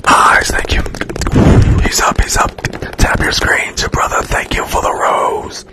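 Male streamer, breathy whisper throughout, casual and chatty, running an ASMR live. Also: measured pace. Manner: whispering, chatty, thanking viewers for gifts. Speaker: livestream host.

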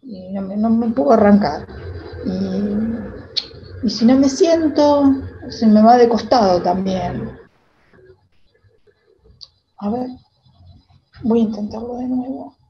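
A woman with an Argentine accent playing a timid young girl in a theater monologue, talking in a hesitant, halting way. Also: fairly high pitch, muffled recording, a little hiss or hum. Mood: wistful. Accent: Argentine Spanish. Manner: hesitant, halting, many restarts. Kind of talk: theater monologue, reliving a memory.

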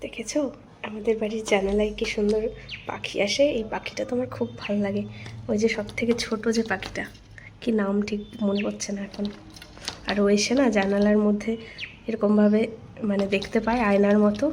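A young woman from North Bengal, India, films a casual vlog on a handheld phone, chatting and explaining things at her family's village home during a puja. Her mid-range voice is a little mellow, and the home ambience is noisy.

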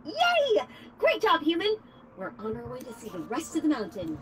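A woman's voice: high-pitched, huge pitch swings, moderate pace, a bit bright, exaggerated voice. A woman voicing a chirpy, cheerful female robot tour guide in a game, who talks in upbeat surfer slang and calls the player "human". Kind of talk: game character dialogue.

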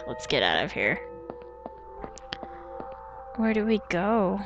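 A young woman talking over her game playthrough, slow and unhurried. She mumbles and thinks aloud between moves, with faint game music behind her. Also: medium pitch, big pitch swings, lo-fi sound. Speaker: let's play gamer. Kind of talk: casual gameplay commentary.

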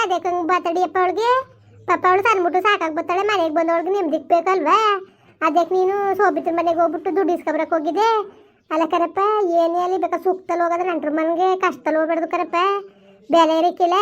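A woman's voice: very high voice, fairly even intonation, quick pace. A woman playing a middle-aged village aunty who soothes and advises a young wife in a comedy skit. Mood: consoling. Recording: dull lo-fi sound.

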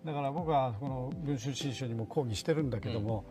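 A man's voice: mid-range voice, fast, music in the background. A man on a TV panel, a former newspaper political editor, speaking hesitantly and defensively with many fillers. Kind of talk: TV panel discussion.

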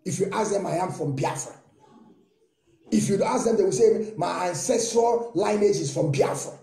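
A Nigerian man in his thirties delivers an impassioned monologue, piling up rhetorical questions and repeating his points. His voice sits high but sounds very dark and mellow. The webcam recording carries a roomy echo from the small room. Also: normal speed, creaky. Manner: fervent and rousing, with lots of repetition and rhetorical questions. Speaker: political commentator.

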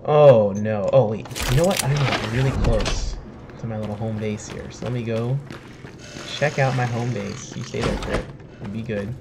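A young guy on stream, slightly hoarse and mid-pitched, talks at normal speed, joking and laughing at himself as he plays a video game and reads its text out loud. He says he's sick and losing his voice. He's in a home room with his webcam in the corner, and the mic is noisy.

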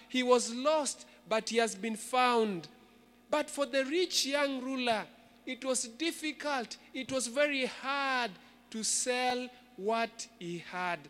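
A male preacher delivers a sermon in a strikingly high voice. He is emphatic and repeats phrases to drive them home. His handheld microphone carries long reverb from the hall. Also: pushed and bright. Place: indoor church stage at a lectern.

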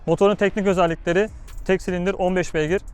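A man's voice: high voice, fairly even intonation, fast, music in the background. A man speaking from inside a motorcycle helmet, giving casual, slangy motovlog commentary with explanations and rhetorical questions. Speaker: motorcycle vlogger reviewing his bike.

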